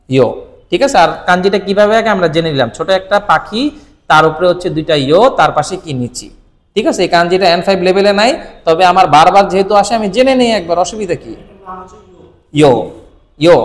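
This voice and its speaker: In a slightly high voice for a man, this Bengali speaker teaches Japanese in a casual, explanatory way, with a long reverb trailing after each phrase. He asks the viewer questions, answers them himself, and keeps checking in with "thik ache?"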